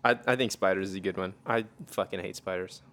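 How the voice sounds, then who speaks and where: A man's voice: low voice, fairly even intonation, fast talker, a bit bright. Laughing, swearing podcast guy. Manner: laughs often, swears, rambling stories. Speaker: podcast co-host. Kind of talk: casual chat.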